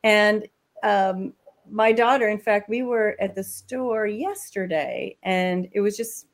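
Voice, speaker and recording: A woman guest on a podcast, chatting casually and telling animated stories about her kids. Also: mid-range voice, slow. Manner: animated storyteller, acts out voices. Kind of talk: casual chat.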